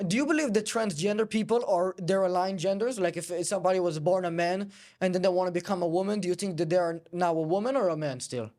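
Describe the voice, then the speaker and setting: Hosting a casual, combative debate, this man pokes at his guest with needling questions, though his delivery is hesitant and halting. He speaks fast in a high-pitched, darkish voice, barely pausing.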